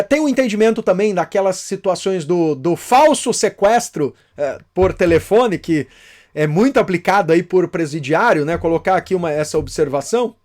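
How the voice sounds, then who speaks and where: A man with a high voice teaches a law class to the camera. He repeats key terms for emphasis and keeps checking in with his students. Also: a little mellow. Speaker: law professor. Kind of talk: online law lecture.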